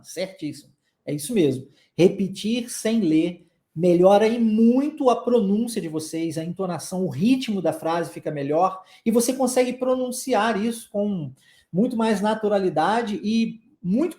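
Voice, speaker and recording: A man's voice: high-pitched, roomy sound. Chatty Brazilian man teaching English. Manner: lively, chatty, repeats phrases for practice. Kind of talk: online English lesson in Portuguese.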